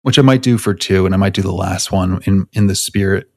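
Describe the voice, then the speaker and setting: A man's voice: deep voice, a little fast, no room sound, clean studio sound. A man co-hosting a podcast in casual chat, rambling and restarting his sentences, laughing often. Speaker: podcast co-host.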